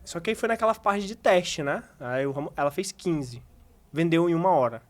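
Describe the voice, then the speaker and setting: A man's voice: fairly high pitch, expressive, moderate pace. A man hosting a podcast in casual chat, telling a story and laughing along. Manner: chatty, laughs along, uneven pace. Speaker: podcast host.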